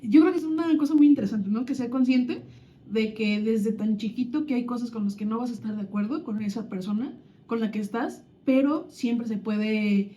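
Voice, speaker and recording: A woman's voice: a little high, normal speed, mellow. A woman co-hosting a casual chat, reading children's quotes aloud and reflecting on them, thinking aloud with many restarts. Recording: dull lo-fi sound.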